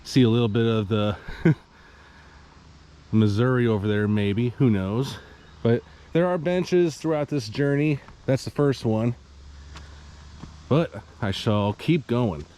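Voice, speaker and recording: A hiking vlogger with a Midwestern American accent narrates casually as he walks a wooded trail outdoors, a little out of breath. His mid-range voice has a dark tone and a slow pace with long pauses, and he rambles, chuckles and hedges with fillers.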